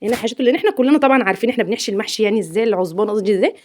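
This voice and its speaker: Fast-talking Egyptian housewife vlogger. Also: female voice, medium pitch, darkish tone, dry recording, clean studio sound. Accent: Egyptian Arabic. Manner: chatty and playful, laughs often. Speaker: home vlogger. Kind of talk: chatty home vlog voice-over.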